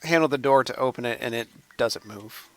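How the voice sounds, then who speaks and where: A man running a tabletop game as game master, describing scenes in an unhurried, descriptive way. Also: medium pitch.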